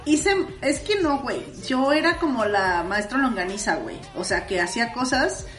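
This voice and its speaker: A woman's voice: fairly high pitch, lively intonation, normal speed, a bit bright, soft background music. Mexican woman in a roomy echo. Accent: Mexican Spanish. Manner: slangy, laughing, candid. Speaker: podcast co-host. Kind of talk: casual storytelling chat.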